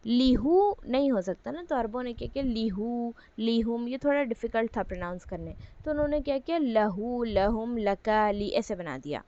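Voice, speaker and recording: A woman teaching Arabic grammar in an online Quran lesson, explaining step by step, asking and answering her own questions, and reciting Arabic phrases slowly. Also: a little high, animated, mellow, dry recording, lo-fi sound. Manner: repeats "ठीक है" as a check-in.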